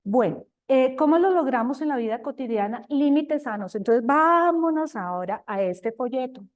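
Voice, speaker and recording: An older woman with a Colombian accent, sharing her experience expressively at a recovery group talk, sometimes speaking loudly. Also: high-pitched, moderate pace. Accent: Colombian Spanish. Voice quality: talks loudly at times. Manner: expressive, addresses listeners as companions.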